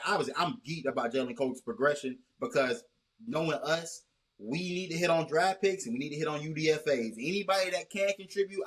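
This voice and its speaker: A man with a somewhat high voice hosts a casual sports talk. He rambles in long runs, restarts his sentences often, and keeps a measured, cautious tone. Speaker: host.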